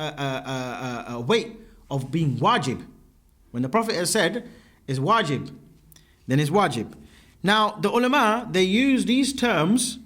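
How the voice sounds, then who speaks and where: A man's voice: fairly high pitch, fairly bright tone. A man teaching a class, explaining terms step by step and checking in with students by asking "yeah?". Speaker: religious teacher. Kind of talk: classroom lecture.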